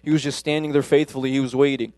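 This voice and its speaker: A man preaches in a relaxed, conversational way, often stopping and restarting his sentences. His voice is smooth and resonant. It is recorded dry and close, with little room sound. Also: mid-range voice, fast talker, no room sound. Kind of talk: casual sermon.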